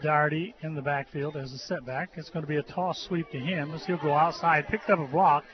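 Male radio play-by-play caller with a dense, detail-packed read and a slightly raised pitch, muffled broadcast sound, noisy background. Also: a little fast. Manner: dense, steady announcer delivery packed with details. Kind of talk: high school football radio commentary.

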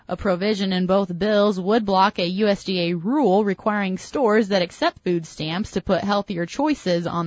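A woman's voice: medium pitch, no echo. Woman radio host taped off the air. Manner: steady, even news-reading delivery. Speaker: farm radio show host. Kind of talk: radio hosting and scripted news reading. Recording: dull lo-fi radio sound, dry.

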